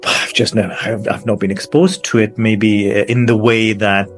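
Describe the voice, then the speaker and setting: A middle-aged man, born in Pakistan and raised in the UK, hosting an interview in a casual, halting way with many restarts. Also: on the low side, level tone, faint music behind. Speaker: podcast host. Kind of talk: conversational interview.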